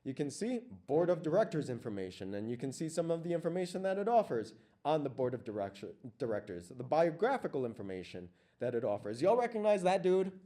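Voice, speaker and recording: This workshop presenter's voice is a little high and mellow, very animated, and fairly quick. Addressing a live audience in a meeting room, he speaks passionately, asks question after question, and repeats lines for emphasis.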